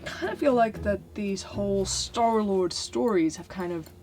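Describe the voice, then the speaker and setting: A woman's voice: mid-range voice, normal speed, lightly acted. Woman as cocky young space rogue, rambling, self-mocking comic tale, music bed. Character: boastful, carefree young male space adventurer. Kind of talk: comic monologue storytelling. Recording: music playing underneath.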